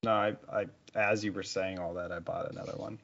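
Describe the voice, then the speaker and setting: Man, podcast co-host, casual chat, easygoing, explanatory, lowish voice, dull lo-fi sound. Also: steady tone, brisk, vocal fry, a bit bright.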